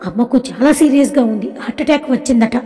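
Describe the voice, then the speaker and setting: A woman's voice: a little high, fast talker, dark tone, long reverb tail, soft background music, natural voice. Woman reading as a frantic young older sister.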